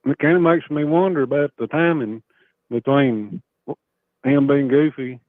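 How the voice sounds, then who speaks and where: A middle-aged man from Kentucky with an Appalachian accent, chatting casually and haltingly as a folksy caller. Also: medium pitch, steady tone, no room sound. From Kentucky, USA. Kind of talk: casual chat. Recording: muffled, band-limited phone call.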